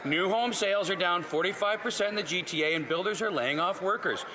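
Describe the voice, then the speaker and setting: A man's voice: high voice, fairly quick, sharp tone, a little hiss or hum, poor audio. A man asking a pointed question as a member of parliament. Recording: chamber with crowd murmur.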